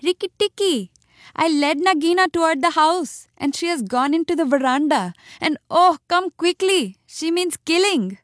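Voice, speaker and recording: A small female bird cries out in a piping, high voice, frantic and sorrowful, as a woman reading a storybook puts her on. The sound is dry and close, with no room around it. Each word is pushed out in a shrill rush of alarm. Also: animated, moderate pace, no echo.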